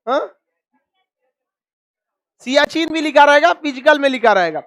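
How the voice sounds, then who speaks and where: A man teaching a classroom map lesson, scolding students and drilling them with quick repeated questions. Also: very high-pitched, expressive, a bit bright, no echo, studio quality. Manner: scolding, calls students donkeys.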